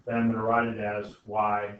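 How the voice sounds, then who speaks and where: In a very reverberant, noisy classroom, a male algebra teacher gives a casual, question-driven lesson and checks students' understanding often. Through the distant, muffled mic, his lowish voice comes across completely flat at a normal speed.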